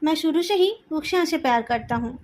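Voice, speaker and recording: A woman voicing an earnest young man who calmly defends his love, in a fan story read aloud. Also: sits high, a little fast.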